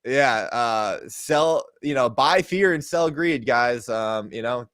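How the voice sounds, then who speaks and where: A man with a mid-range voice talks markets like a crypto bro on a gaming show. His delivery is casual and slangy, full of hype and shout-outs. The sound is dry, with no room echo. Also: mid-range voice, expressive, takes it slowly, smooth. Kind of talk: casual market news commentary.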